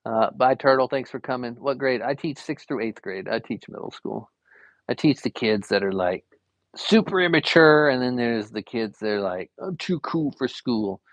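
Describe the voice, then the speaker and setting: A man's voice: medium pitch, expressive, moderate pace, no room sound. A young adult man, an art teacher and variety streamer, chatting casually and rambling with many fillers while drawing live at home. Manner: rambling, easygoing, lots of fillers.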